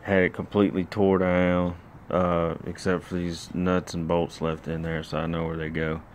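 A middle-aged home mechanic films his own engine rebuild on a handheld phone camera, casually explaining each step. His low voice is monotone at normal speed, plainspoken and rambling with lots of fillers, and there's slight background noise.

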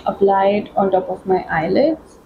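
A woman talking through a makeup tutorial as a beauty vlogger, chatty and excitable, with many fillers. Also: mid-range voice, normal speed, phone-quality sound, background noise. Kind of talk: casual makeup tutorial chat.

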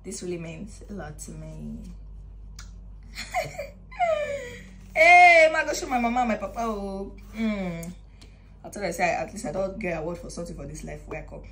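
A young Nigerian woman chatting excitably and emotionally in an unboxing vlog, dropping into pidgin slang. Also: on the low side, moderate pace, gravelly, a little hiss or hum. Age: young adult. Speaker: vlogger.

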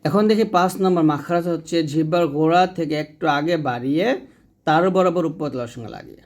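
A man, teaching a recitation lesson slowly and drawing out sounds to demonstrate them. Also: fairly high pitch. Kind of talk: explanatory lesson.

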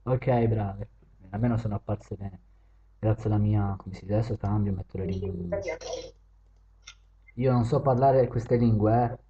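On random video chat, a man jokes with and teases viewers and strangers, swinging from loud greetings to low mutters. The audio is dull.

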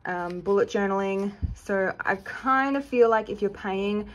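A woman's voice: mid-range voice, measured pace. A woman giving a casual review with frank, chatty opinions that she often hedges. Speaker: planner reviewer.

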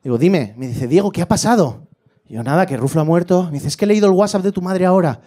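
A man doing a stand-up comedy set on a club stage, telling stories in an animated way and breaking into loud impressions of his family. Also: high-pitched, fast. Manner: animated storytelling, shifting into shouted impressions of family.

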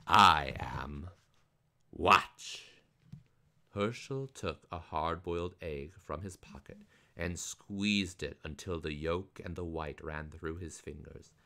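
Deep-voiced man reading a storybook aloud. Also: unhurried. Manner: expressive, theatrical. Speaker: reader. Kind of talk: live read-aloud of a picture book.

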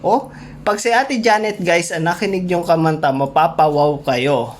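A woman's voice: fairly low pitch, normal speed, a little hiss or hum. A woman vlogger giving playful, teasing commentary at a karaoke gathering. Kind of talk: casual party vlog commentary.

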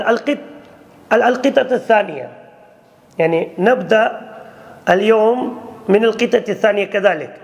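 A man teaching an online grammar class, his voice pitched high and rough with vocal fry. He calls on students by name, breaks off and restarts phrases, and stretches out words slowly when reading from the text. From Kashmir. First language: Kashmiri. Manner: checks on students by name, halting restarts, slow drawn-out readings.

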